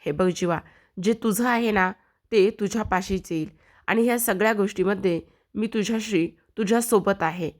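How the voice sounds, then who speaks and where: A woman's voice: medium pitch, normal speed, natural voice. A woman voicing a soothing mother. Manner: soothing, reassuring. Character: comforting mother of a grown son.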